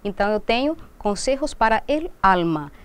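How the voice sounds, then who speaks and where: A Brazilian woman with a Minas Gerais accent, a Spanish teacher explaining grammar rules in a recorded lesson and slowing down to read the example phrases. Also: medium pitch, expressive, clear, resonant tone. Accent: Brazilian Portuguese, from Minas Gerais.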